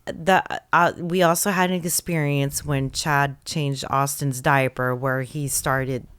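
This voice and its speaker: A middle-aged woman telling family stories in casual chat, animated and laughing often. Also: very deep voice, slow, clear, resonant tone, no room sound. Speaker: podcast co-host sharing parenting stories.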